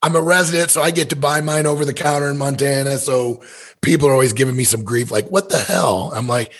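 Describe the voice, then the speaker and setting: Speaking at a quick pace with a medium-pitched voice, an American elk hunter and business owner from Missouri, in his fifties, spins candid, folksy, rambling stories as a guest on a podcast.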